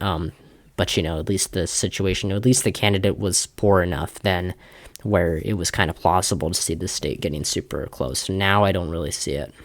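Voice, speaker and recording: A man's voice: fairly low pitch, no echo. A young man giving casual election prediction commentary, talking loosely with many fillers and restarts. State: slightly out of breath. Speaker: political commentator.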